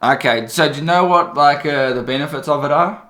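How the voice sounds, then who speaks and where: A man's voice: a little high, fairly quick, a bit bright, reverberant. A man with a New Zealand accent who runs a car detailing business, talking casually in an informal, salesy way as a vlogger. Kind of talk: casual vlog talk and sales calls.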